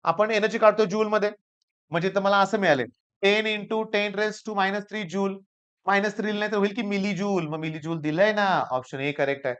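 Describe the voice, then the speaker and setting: A man with a Marathi accent teaching physics for an exam, hoarse from a sore throat, coaxing his students and repeating the key points. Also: high-pitched, fairly even intonation, moderate pace, a bit bright, dull audio. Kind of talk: exam-prep lecture.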